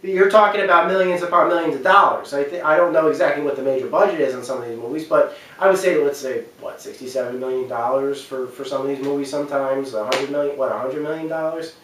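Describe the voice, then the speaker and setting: Barely pausing, a fast-talking man with a medium-pitched, slightly bright voice shares unscripted opinions on film and games as a video commentator. He repeats phrases for emphasis and speaks with force. A distant mic in a very echoey room captures him.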